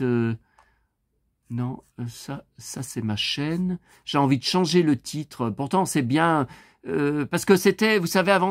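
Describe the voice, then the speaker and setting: A middle-aged man talking to camera in a loose, rambling vlog, blunt and quick to swear, with lots of fillers and restarts. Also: a little high, no room sound, studio quality. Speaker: vlogger. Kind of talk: casual rambling vlog monologue.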